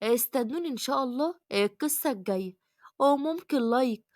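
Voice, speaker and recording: A woman's voice: high-pitched, animated, fairly quick, a little mellow, no echo, clean studio sound. A woman with an Egyptian accent narrating a comic romance story for a cartoon channel. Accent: Egyptian Arabic. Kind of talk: scripted narration.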